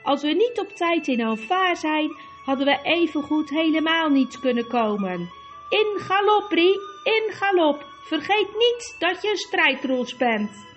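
Een vrouw die een vastberaden, bevelende jonge ruiterin speelt. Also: female voice, sits high, animated, measured pace, soft background music, pitched above the performer's own voice. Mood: commanding. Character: bold commanding young girl rider.

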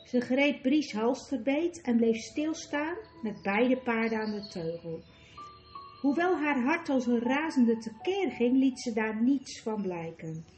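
A woman narrating a children's fantasy story in a measured, expressive way. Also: on the high side, soft background music. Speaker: audiobook narrator.

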